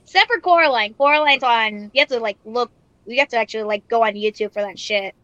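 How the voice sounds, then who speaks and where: A woman's voice: on the high side, fast talker, pushed and bright, no echo. A woman in casual podcast chat, rambling with lots of "like" fillers and casual swearing. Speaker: podcast co-host. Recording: dull lo-fi sound.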